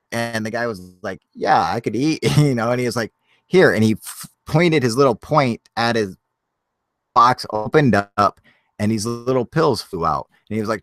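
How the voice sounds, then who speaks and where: A man's voice: mid-range voice, a bit bright, no room sound. A man telling a story in a casual, rambling way, full of fillers and frequent laughs.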